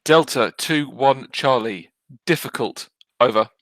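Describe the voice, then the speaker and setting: Man, walkie-talkie reply, slow deliberate call signs, dry sound. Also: mid-range voice, fairly bright tone, no echo, rough recording. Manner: slow, deliberate radio replies. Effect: heard over a walkie-talkie. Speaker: instructor demonstrating radio procedure. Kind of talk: clipped radio voice procedure.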